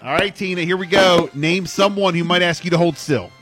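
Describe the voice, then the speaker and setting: In a radio studio with music playing, a man with a high, fairly bright voice hosts a live phone-in contest, speaking fairly quickly and repeating answers like a game show announcer.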